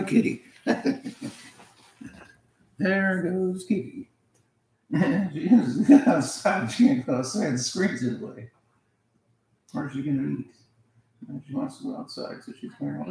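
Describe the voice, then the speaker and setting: Her low, gravelly, slightly mellow voice moves unhurriedly, broken by long pauses and frequent chuckles. A vlogger and karaoke singer, she rambles while lying down at home, in a roomy recording with faint ambience and slight background noise.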